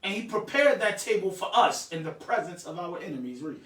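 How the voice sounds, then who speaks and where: A man leads a classroom Bible lesson, cutting in with jokes, repeating verses and telling the reader to go on. His voice is high-pitched, sing-song, fairly quick and fairly bright. The echoey classroom is picked up by a distant mic.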